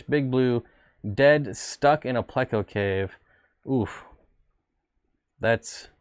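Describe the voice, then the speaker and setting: An aquarium channel host with a clean, mid-range voice rambles through a casual fish-keeping livestream, dropping jokey, self-deprecating asides. The recording is dry.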